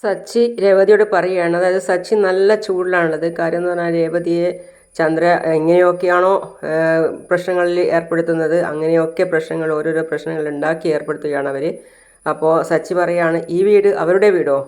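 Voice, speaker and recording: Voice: medium pitch, level tone, fairly quick. A vlogger casually retelling a serial episode scene by scene, reading the characters' lines in quotes without much change of voice. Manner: occasional fillers and restarts. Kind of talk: casual spoken plot recap.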